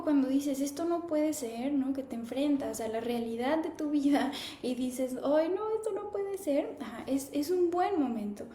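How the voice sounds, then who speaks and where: A woman in her thirties hosting a live stream, chatting casually and reading viewer comments aloud in a warm, conversational way. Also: sits high, slight background noise. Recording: echoey room.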